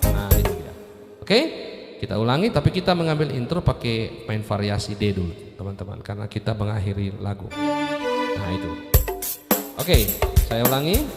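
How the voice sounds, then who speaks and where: A man's voice: on the low side, lively intonation, normal speed, long pauses. A man hosting a keyboard tutorial, explaining step by step in a casual way and often stopping with fillers. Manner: addresses viewers as friends, explains step by step with fillers. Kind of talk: casual instructional talk. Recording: roomy echoey sound with keyboard music behind. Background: church keyboard accompaniment playing.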